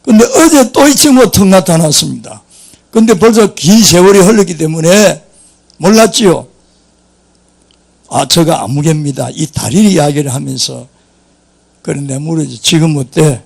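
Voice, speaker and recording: A gravelly, fairly high-pitched older man delivers a sermon in a thick Gyeongsang Korean accent. He is a pastor who preaches in a folksy, joking storytelling manner and often chuckles between his points. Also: expressive, normal speed, pauses often, a little mellow.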